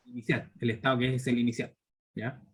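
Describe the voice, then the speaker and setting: Husky and mid-range, the voice holds a level tone at a slightly fast pace. It belongs to a thirtysomething university teacher with a Chilean Spanish accent, teaching programming live online step by step and checking in with students via constant tag questions.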